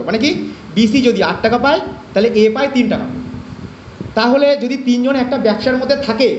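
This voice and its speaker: The math tutor's voice is very high-pitched as he works through an online lesson by raising his own questions and solving them stepwise. Slight background noise sits under the echoey, dull, lo-fi class-call sound.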